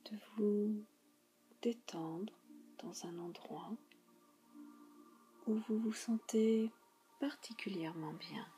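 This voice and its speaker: A woman guides a relaxation hypnosis in a soothing, spa-like whisper, hushed and breathy, with slow repetitive phrasing and frequent pauses. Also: medium pitch, soft background music.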